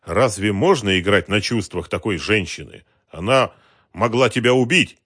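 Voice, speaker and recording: A man's voice: lowish voice, lively intonation, moderate pace, fairly bright tone, husky, dry recording, studio quality. A man reading an audiobook voices a stern male detective who gives curt orders. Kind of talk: audiobook character voice.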